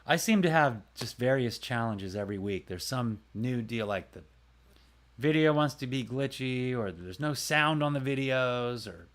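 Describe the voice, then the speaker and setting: A man hosting his own livestream, chatting casually and a bit rambling, talking to viewers by name about his voice work. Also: mid-range voice. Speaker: livestream host and voice actor. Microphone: close desk mic.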